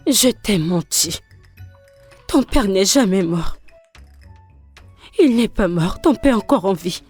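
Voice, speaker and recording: A woman's voice: mid-range voice, lively intonation, slow, a little mellow, breathy edge, faint music behind. A weary, bitter mother in a film dub. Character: aging mother, weary and bitter, haunted by the past.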